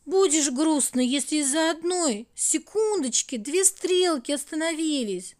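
A woman's voice: high voice, big pitch swings, unhurried. A woman voicing a young male hour, a bossy, grumbling boy in a storybook tale. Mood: scolding.

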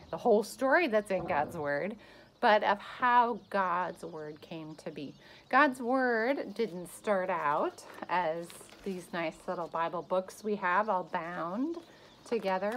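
A woman in her thirties leading a kids' Bible lesson to the camera, gasping and exclaiming with exaggerated excitement for children, recorded at arm's length in a small wood-paneled room. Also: mid-range voice, a little hiss or hum. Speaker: children's church teacher.

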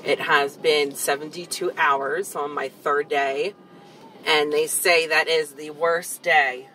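A woman in her thirties with a sore, swollen, partly numb jaw, giving a casual, halting vlog update from inside a car. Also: low-pitched, fairly even intonation, sharp tone. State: swollen, numb, sore jaw after wisdom tooth removal. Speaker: vlogger. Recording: distant mic, faint vehicle noise. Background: faint car and outdoor noise.

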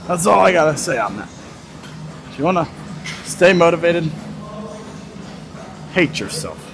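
A man's voice: on the high side, sing-song, slow, gravelly, pauses often, noisy background. A man in his twenties with a laid-back, rambling manner, vlogging casually from a large gym and laughing often between remarks. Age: 20s. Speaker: fitness vlogger. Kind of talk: casual walk-and-talk vlog. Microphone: phone camera on a tripod nearby. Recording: gym music playing loudly behind. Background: music playing in the gym.

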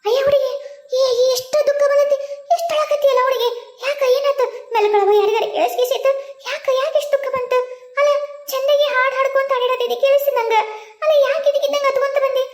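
A woman's voice: extremely high pitch, steady tone, fast. A woman voicing a nosy, fussing village aunty. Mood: curious. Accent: North Karnataka Kannada. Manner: questioning, fussing. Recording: echoey room.

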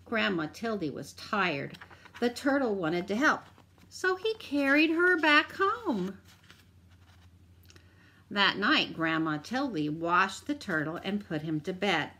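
A woman teacher reading a picture book aloud to children, expressive, with drawn-out emphasis and asides to her listeners. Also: medium pitch.

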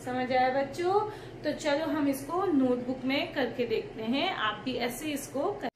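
A kindergarten teacher, a woman with a high-pitched voice, leads a lesson for young children at a measured pace. She stretches out every syllable and repeats sounds so the class can copy them. There is noise in the background.

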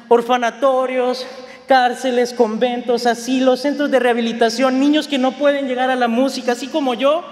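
A young man from Mexico with a northern Mexican accent, a pastor telling a lively story and acting out the voices in it. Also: very high-pitched. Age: young adult. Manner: animated, acts out quoted voices. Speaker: pastor giving a talk. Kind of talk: storytelling talk. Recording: echoey hall.

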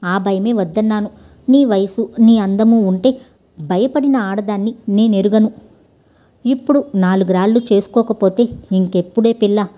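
A woman voicing a sharp-tongued old woman who nags and scorns in a storybook reading. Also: mid-range voice, steady tone, moderate pace, lightly acted. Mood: scolding. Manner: nagging, harsh, scornful.

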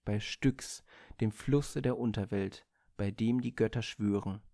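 A man voicing the sun god Helios, a mighty fatherly deity who speaks slowly and solemnly in a storybook reading. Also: on the low side, gravelly, mellow, dry recording, clean studio sound.

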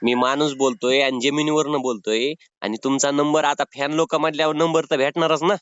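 Speaking a little fast at a fairly high pitch, a prank caller keeps a steady tone as he wheedles and mock-pleads insistently in unscripted-sounding phone banter. His tone is fairly bright and clean with no room sound, on a dull lo-fi call recording.

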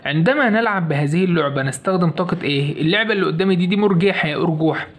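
Fast-talking Egyptian male science teacher. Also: sits high. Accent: Egyptian Arabic. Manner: asks questions and answers them himself, repeats key points. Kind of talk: fast classroom lesson explanation.

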